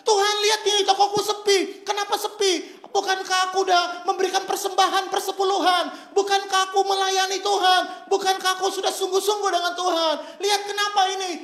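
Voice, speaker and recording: A pastor slipping into a frustrated churchgoer who whines at God about his empty shop, the voice jumping up high and strained. The pleading, exasperated complaint rings through an echoey hall. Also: level tone, a little fast, few pauses, a bit bright. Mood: whiny, exasperated.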